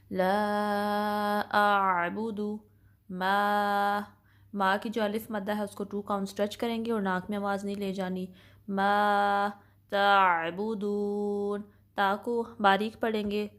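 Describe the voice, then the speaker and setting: A Quran recitation teacher leads a tajweed lesson, explaining pronunciation patiently and methodically with slow, drawn-out demonstrations. Her medium-pitched voice pauses often to check in with and reassure her students.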